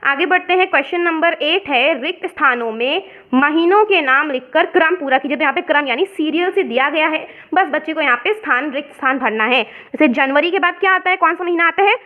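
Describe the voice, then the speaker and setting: Woman teacher from India, explains step by step, high voice, muffled lo-fi audio. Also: fairly quick, hardly any pauses. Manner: explains step by step, mixing in English words. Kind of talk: worksheet explanation lesson. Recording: dull lo-fi sound.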